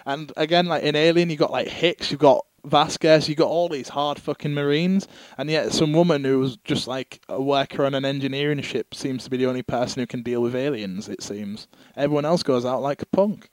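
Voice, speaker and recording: A man's voice: mid-range voice, fairly even intonation, fairly quick, few pauses, dry recording, poor audio. A man co-hosting a casual podcast chat, rambling and swearing casually. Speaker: podcast co-host.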